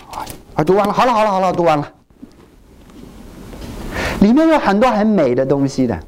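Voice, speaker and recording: A pastor from China preaching a sermon, asking the congregation questions and acting out what churchgoers say. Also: medium pitch. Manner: animated, asks the congregation questions and acts out quoted churchgoers.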